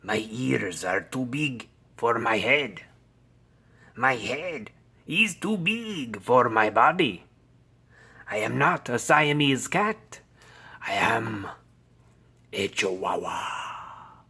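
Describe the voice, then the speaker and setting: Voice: medium pitch, animated, extremely slow, pauses often, bright, forceful tone, husky, heavily acted. Narrator doing a boastful kitten with mock Spanish accent. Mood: dramatic boasting. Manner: theatrical, boastful, singsong. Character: bouncy boy kitten playing a bold Chihuahua bandit.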